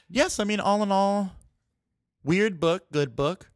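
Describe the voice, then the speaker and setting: A man co-hosting a casual book podcast, animated and jokey, laughing often as he riffs. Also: high voice, no room sound, clean studio sound. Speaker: podcast co-host.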